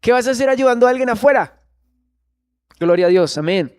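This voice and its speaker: A man's voice: very high voice, animated, a little fast, darkish tone, clean tone. A man preaching a sermon in church, earnestly questioning the congregation.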